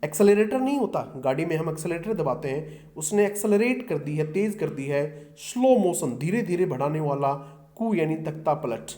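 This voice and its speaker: Teaching exam-prep vocabulary at a normal speed, a middle-aged man speaks in a slightly high, mellow voice with lively intonation. Frequently he asks his students a question, then answers it himself.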